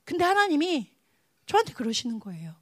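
A woman evangelist preaching a sermon with personal testimony, emotional and animated, sometimes dropping to a hush. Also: sits high, a little fast, no room sound, clean studio sound. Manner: emotional, animated, swings to hushed tones.

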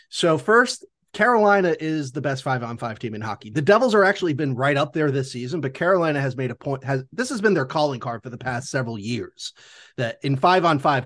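A man's voice: mid-range voice, fairly bright tone. A man co-hosting a sports podcast with casual analysis, emphatic and repeating words for stress.

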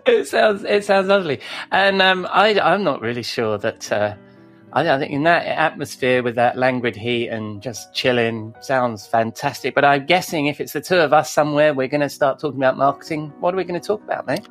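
A jovial man hosts a casual podcast chat, dry and good-humoured, with a mid-range voice. Faint guitar music sits quietly behind him. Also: medium pitch, fairly quick. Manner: jovial, wry, backchannels often. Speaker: podcast host.

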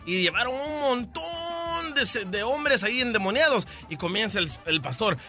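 A man, a radio DJ telling a joke in a casual, animated way. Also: very high voice, normal speed, soft background music. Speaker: radio DJ and co-host.

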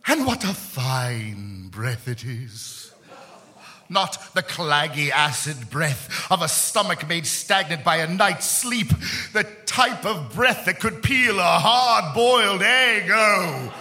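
A man's voice: fairly high pitch, expressive, takes it slowly, sharp tone, heavily acted. An actor playing a vain, lovesick male poet on stage, declaiming florid verse in a grandiose, theatrical way. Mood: grandiloquent. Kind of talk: live stage comedy performance.

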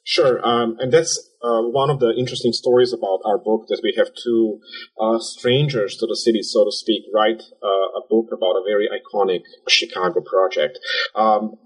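A man's voice: on the low side, steady tone, normal speed, breathy edge, rough recording. A man from Serbia, an architect and author, answering interview questions in a hesitant way with many filler sounds. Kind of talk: conversational interview.

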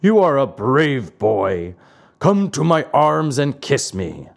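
A man voicing a huge, bearded, gruff but soft-hearted puppet master in a commanding, theatrical storybook style. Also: medium pitch, sing-song, takes it slowly, full character voice. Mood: softened.

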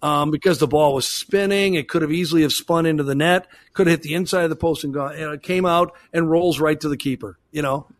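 Chatty higher-voiced man talking soccer. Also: fast talker, few pauses. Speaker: soccer talk show co-host and analyst. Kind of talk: casual sports chat.

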